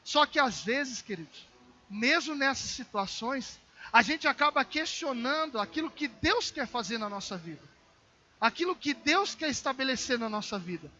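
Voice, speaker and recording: A male pastor with a Brazilian Portuguese accent preaching a sermon, telling a personal story with acted dialogue and addressing the congregation warmly as dear ones. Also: extremely high pitch, lively intonation, moderate pace, highs cut off. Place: church service.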